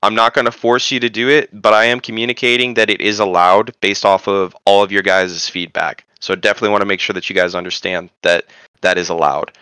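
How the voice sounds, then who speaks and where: A man's voice: on the low side, flat delivery, a little fast, bright, forceful tone, clean tone, dry recording. A man giving an informal pre-game briefing as a tournament organizer, emphatic and often checking that he is understood. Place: indoors, online group voice chat.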